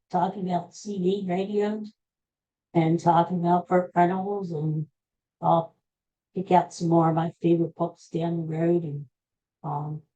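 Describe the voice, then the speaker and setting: Her fairly low, mellow voice carries a casual, rambling solo episode: she's a middle-aged American podcast host, folksy and chatty, who trails off at times. The sound quality is dull and lo-fi.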